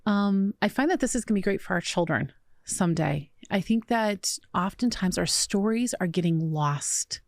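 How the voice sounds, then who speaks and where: A middle-aged woman hosts a podcast interview in a chatty, relaxed way, laughing easily. Her voice sits at an ordinary pitch for a woman. The sound is close and dry. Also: moderate pace, no echo. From New York. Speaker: podcast host. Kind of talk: conversational interview.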